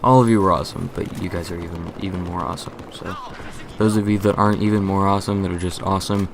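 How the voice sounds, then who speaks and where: Talking quickly in a deep voice with vocal fry, a young gaming-channel host gives a casual update about his channel in monotone, rambling, correcting himself and joking as he goes. The background is noisy.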